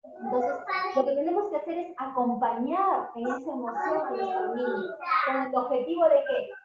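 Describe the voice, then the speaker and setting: A woman giving a talk to parents, asking the audience many questions and stretching words slowly for emphasis. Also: high voice, a loud crowd. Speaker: parenting workshop speaker. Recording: very echoey, dull lo-fi sound.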